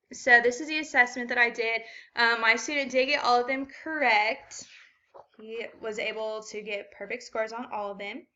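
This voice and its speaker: Woman, bright voice, explaining a test, lots of ums, muffled recording. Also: on the high side, steady tone, a little slow, long pauses. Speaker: student teacher explaining an assessment. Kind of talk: walkthrough of a reading assessment.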